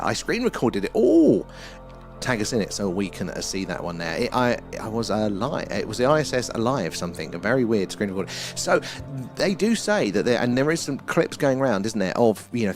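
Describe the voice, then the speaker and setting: A man with an Essex accent talks as a livestream host, rambling casually from one comment to the next. His pitch is a little low but moves around a great deal, with music behind him. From Essex, England. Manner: rambling, conversational, often ends phrases with "there". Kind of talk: casual live commentary, answering chat.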